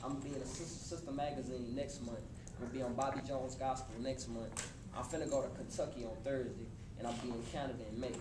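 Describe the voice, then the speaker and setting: A man in his twenties giving a motivational talk to a live college audience, casual and animated, speaking straight to the crowd. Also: medium pitch. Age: 20s. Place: college hall before an audience. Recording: echoey hall with room noise.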